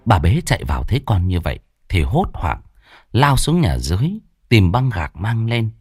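A man's voice: fairly low pitch, very animated, normal speed, slightly rough, dry recording, studio quality. A man telling a ghost story in a vivid, dramatic way. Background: faint music.

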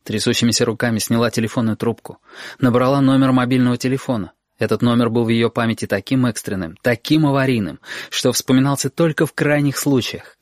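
A man narrating an audiobook in a measured, tense storytelling voice. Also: medium pitch, a little mellow, no echo, clean studio sound. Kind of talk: scripted narration.

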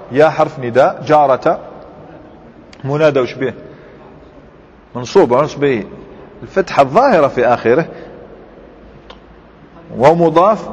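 Husky-voiced man teaching grammar in a hall. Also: mid-range voice. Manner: explains step by step, quizzes students, mixes dialect with formal Arabic. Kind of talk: classroom grammar lesson. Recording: dull lo-fi recording in a large reverberant hall.

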